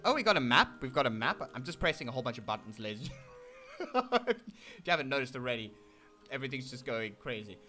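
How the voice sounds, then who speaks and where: An excitable man with a South African accent gives casual gameplay commentary with a bright, sharp edge to his voice. His pitch swings up and down all the time as he chats to viewers. Faint game music plays behind him. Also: fast talker. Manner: excitable, keeps addressing viewers as "ladies and gentlemen"; meows and plays along as his kitten character. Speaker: gaming channel host.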